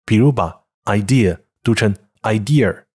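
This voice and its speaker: A middle-aged man, teaching English pronunciation in a calm scripted lesson and patiently sounding out example words. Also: fairly low pitch, normal speed, slightly rough.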